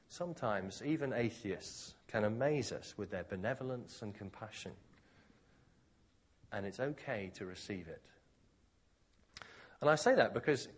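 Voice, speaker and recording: Male preacher, mid-pitched, husky, animated delivery; conversational expository sermon.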